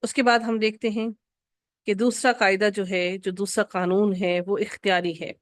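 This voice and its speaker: A woman's voice: medium pitch, flat delivery, dry recording. Patient woman teaching grammar, dry sound. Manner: patient, repeats key rules slowly for students. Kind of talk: recorded grammar lesson.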